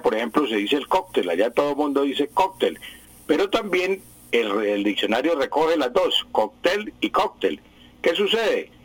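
Husky radio language expert. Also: male voice, mid-range voice, dry recording, low-quality recording. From Colombia. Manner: patient, repeats key points, hesitant fillers. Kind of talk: explaining word usage on a radio program.

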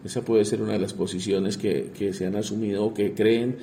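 A man, a congressman answering interview questions in a halting way, often repeating words as he searches for them. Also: fairly low pitch, little pitch movement, creaky, warm tone, a little hiss or hum.

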